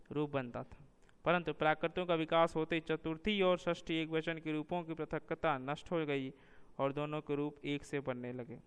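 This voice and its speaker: A man reading a linguistics lesson aloud, listing examples one after another in a measured way. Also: fairly high pitch, a bit bright, clean tone, big-room sound. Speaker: lecturer.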